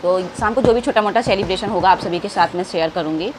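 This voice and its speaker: A woman's voice: mid-range voice, fast talker. An adult woman chatting affectionately to her viewers in a casual home vlog. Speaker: family vlogger. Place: family home indoors. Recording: noisy home background.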